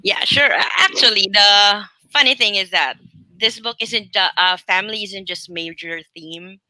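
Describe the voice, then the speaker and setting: A woman author on a panel, talking with many pauses, fillers and restarts over a video call. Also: mid-range voice, bright, forceful tone, no room sound, rough recording. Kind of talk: panel discussion.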